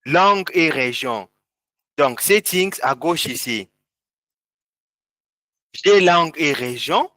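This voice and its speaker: A man's voice: a little high, lively intonation, slow pace, pauses often, bright, forceful tone, no room sound. Man walking students through screen steps. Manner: repetitive, step-by-step pointing at screen. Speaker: instructor. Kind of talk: live online tech class walkthrough.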